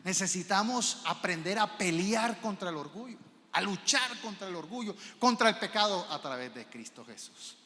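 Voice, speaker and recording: A male pastor preaching a sermon in a church, asking the congregation questions and swinging between soft and loud. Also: high voice, lively intonation, normal speed. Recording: reverb of a large church hall.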